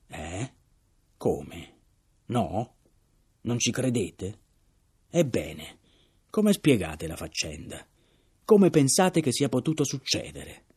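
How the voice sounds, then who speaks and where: A man's voice: mid-range voice, very animated, slow, pauses often, a little mellow, slightly rough, voice pushed up, full character voice. A man reading an audiobook voices a gaunt, deathly ill first mate who speaks solemnly in a hollow voice and breaks into agitated questions.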